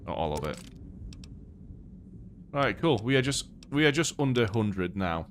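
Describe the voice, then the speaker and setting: A Polish man, a native Polish speaker with a British accent, chats casually on a live stream while playing a game, thinking aloud in a relaxed way. His voice is on the low side and unhurried, with slight background noise.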